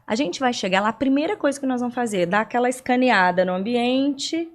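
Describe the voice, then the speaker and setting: An animated young Brazilian woman with a fairly high voice talks briskly as a podcast interview guest. She explains at length, leaning on rhetorical questions and everyday examples.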